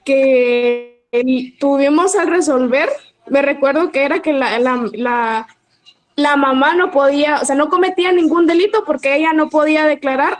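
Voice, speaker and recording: A woman's voice: sits high, poor audio. A woman law student asking a question in class, hesitant, with many restarts and self-corrections.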